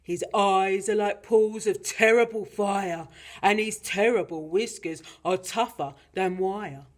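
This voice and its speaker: A woman's voice: mid-range voice, takes it slowly, pitched above the performer's own voice. Woman putting on an emphatic, ominous monster dad. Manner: emphatic, dramatic warning delivery. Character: big monster father, ominous, boastful storytelling dad. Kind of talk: children's storybook character reading.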